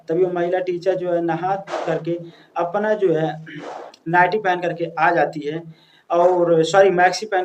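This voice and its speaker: High-voiced male storyteller. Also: darkish tone, highs cut off, a little hiss or hum. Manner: chatty, addresses listeners as friends, frequent restarts and fillers. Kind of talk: casual storytelling narration.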